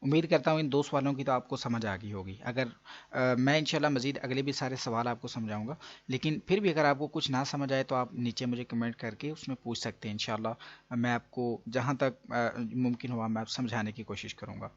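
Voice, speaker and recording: A man's voice: medium pitch, fairly quick, muffled recording. A man teaching an online recitation lesson, explaining patiently and repeating each rule step by step. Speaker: Quran reading teacher.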